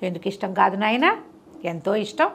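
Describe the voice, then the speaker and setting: A woman voicing a gentle, meek old village grandmother who speaks softly and fondly in a storybook tale. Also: mid-range voice, very animated, brisk, breathy edge, pitched below the performer's own voice. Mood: fond, soothing. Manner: soft, affectionate and praising.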